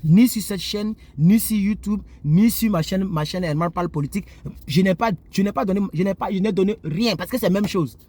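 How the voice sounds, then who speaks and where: This Ivorian YouTuber talks fairly quickly in a high-pitched voice, seated indoors and addressing viewers head-on with an animated, moralizing sermon to camera.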